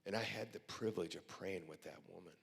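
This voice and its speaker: A pastor with a low, creaky voice talks fast as he tells earnest, emotional stories to a room at a breakfast event, growing quiet and moved at times. His heartfelt speech carries a long hall reverb.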